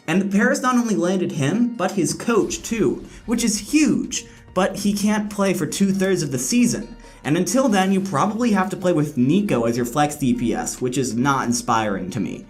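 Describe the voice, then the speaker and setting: A man with a slightly high voice delivers scripted esports commentary as a host. He is frank and opinionated. Faint music plays behind him, and the room sounds a little echoey. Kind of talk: scripted commentary, countdown rankings. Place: indoor room, different from usual.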